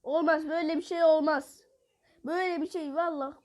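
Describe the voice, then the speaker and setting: A woman giving live gameplay commentary, excitable, bursting into exasperated outbursts and taunting opponents while talking to her viewers. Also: high-pitched, a little fast. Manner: addresses viewers directly. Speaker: mobile game player.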